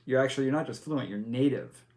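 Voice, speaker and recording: A man with an animated, slightly mellow medium-pitched voice speaks fast as game master. He patiently explains tabletop character creation rules to a player step by step, peppering them with fillers and self-corrections.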